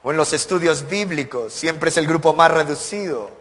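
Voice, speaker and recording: A man's voice: a little high, moderate pace, a bit bright, in a large hall. A man preaching a sermon as pastor, earnest, asking the congregation rhetorical questions and building to emphatic peaks. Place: church sanctuary.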